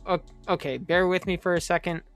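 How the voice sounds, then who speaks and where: A young man in a casual review vlog, his voice sitting a bit high. He rambles with animated asides and throws in quick questions to the viewer. Faint background music plays under his talk. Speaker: manga reviewer.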